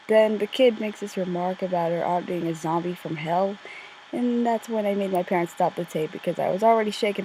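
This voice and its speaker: Deadpan woman talking from under a blanket. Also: on the low side, poor audio. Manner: deadpan, slightly bored-sounding; self-deprecating, stumbles over words. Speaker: YouTube video narrator. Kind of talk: casual scripted commentary, childhood reminiscence. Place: under a blanket in a bedroom corner. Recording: amateur under-blanket bedroom recording, faint noise.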